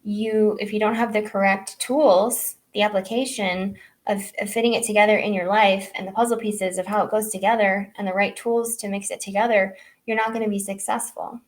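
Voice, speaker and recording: A woman's voice: medium pitch, fairly even intonation, moderate pace. A middle-aged woman health coach giving a casual live online training, talking loosely with many fillers and "right?" tags.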